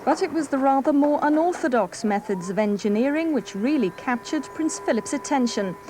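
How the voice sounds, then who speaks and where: A woman TV news reporter reading a scripted report in a measured, even way, heard from a worn VHS tape copy. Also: high-pitched. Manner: measured, even newsreader delivery. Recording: hissy worn videotape copy.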